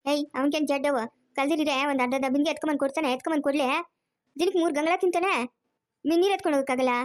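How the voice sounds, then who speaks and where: A woman's voice: high voice, fairly even intonation, very fast, natural voice. A woman voicing a harsh, scheming middle-aged village aunt in a cartoon, barking orders. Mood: scolding. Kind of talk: cartoon dubbing.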